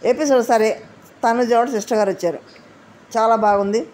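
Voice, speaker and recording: Chatty woman with a higher voice. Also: a little fast, darkish tone. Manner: chatty, keeps asking viewers to comment. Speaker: reality show commentator. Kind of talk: casual opinion commentary.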